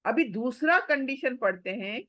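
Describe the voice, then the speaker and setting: Patient woman recitation teacher, slightly high voice, unhurried, dry close-mic delivery. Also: lively intonation, no room sound, highs cut off. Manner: slow and patient, drawing out example words, mixing in English phrases. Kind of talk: online lesson, explaining and demonstrating.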